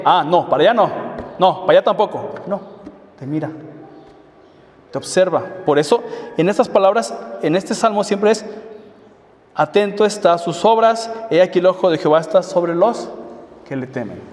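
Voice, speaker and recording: A man with a high-pitched voice preaches a sermon, firing rhetorical questions at the congregation. His voice rings through a large echoey hall with a long reverb, picked up from a distance. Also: animated, moderate pace, pauses often, darkish tone. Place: church hall.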